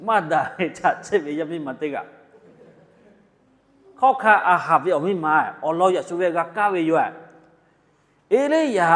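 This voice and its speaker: High-voiced male preacher in a reverberant hall. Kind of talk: sermon.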